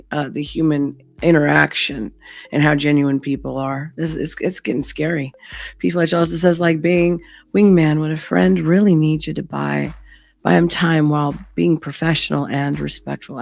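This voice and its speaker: A woman with a hoarse, gravelly voice, losing it to laryngitis, hosting a casual live stream in a blunt, sweary manner. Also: low voice, no echo.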